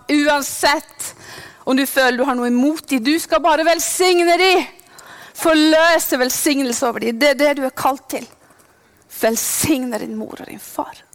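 A high-pitched woman preaches a passionate sermon, sinking to hushed whispers before rising into loud proclamation.

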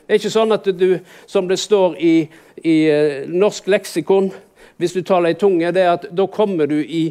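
A man's voice: high voice, dark tone, clear, resonant tone. A man preaching a sermon in a conversational way, with many rhetorical questions and rises for emphasis.

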